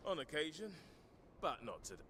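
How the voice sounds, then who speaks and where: Cheeky, theatrical game survivor, animated. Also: male voice, a little high, normal speed, slight background noise. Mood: wry. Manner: wry, mock-pompous. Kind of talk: scripted video game acting.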